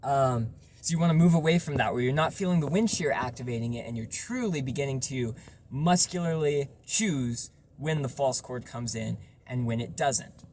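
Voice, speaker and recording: A man's voice: medium pitch, normal speed, a little mellow, a little hiss or hum. A man giving an informal, explanatory tutorial on vocal technique, stressing points through repetition.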